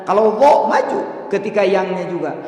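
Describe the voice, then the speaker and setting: Hoarse sundanese ustadz, highish voice, slow drills of each sound, big echoey mosque hall. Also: male voice, expressive, darkish tone, faint music behind. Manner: drills syllables one by one, then chants verses. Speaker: Quran recitation teacher. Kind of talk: tajwid lesson with recited examples. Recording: booming echo of a large mosque hall.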